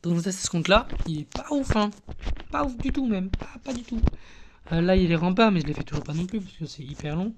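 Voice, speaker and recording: A man's voice: high voice, lively intonation, brisk, a little hiss or hum. A man hosting a casual gameplay video from his bedroom, rambling and self-deprecating, with lots of fillers. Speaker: gaming channel host. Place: bedroom at home.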